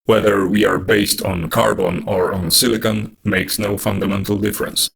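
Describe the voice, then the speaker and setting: A sound designer reading short demo lines through a robotic, droid-like voice filter. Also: male voice, on the low side, level tone, normal speed, vocal fry, a bit bright, breathy edge.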